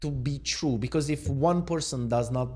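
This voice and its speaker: Relaxed male coach for an off-the-cuff reaction clip; thinks out loud, mid-range voice. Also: mid-range voice, moderate pace. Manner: musing, thinks aloud and questions what he reads; easygoing, laid-back. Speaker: mindset coach. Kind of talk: unscripted reaction video.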